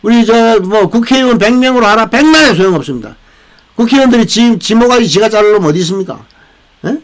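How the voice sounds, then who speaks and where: A man's voice: high-pitched, lively intonation, quick pace, a little hiss or hum, rough recording. An older man hosting a veterans' channel, giving a rambling political commentary with many restarts and tag questions. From South Korea.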